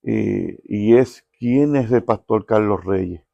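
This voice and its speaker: A man's voice: fairly low pitch, takes it slowly, creaky, mellow, no echo, lo-fi sound. A man hosting a Spanish-language interview podcast, asking questions earnestly and often adding tag questions. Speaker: podcast host.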